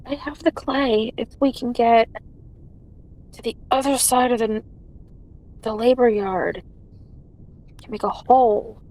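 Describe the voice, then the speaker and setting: A woman player in a tabletop game talks in an animated, laugh-prone way. Her voice sits on the higher side. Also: slow, pauses often, rough recording. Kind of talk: casual tabletop play.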